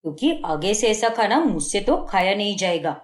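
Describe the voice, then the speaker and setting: A woman's voice: mid-range voice, lively intonation, normal speed, reverberant, close to an everyday voice. A woman doing a scornful cartoon husband. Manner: scolding, contemptuous complaints. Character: fault-finding young husband, harsh and demanding. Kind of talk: Hindi cartoon dubbing.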